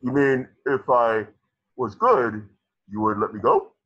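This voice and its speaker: A man voicing a pompous, scheming sea-monster supervillain with a gravelly, husky voice in a cartoon table reading. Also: medium pitch, lively intonation, slow pace, dull audio. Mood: impatient bargaining. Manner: pompous, theatrical.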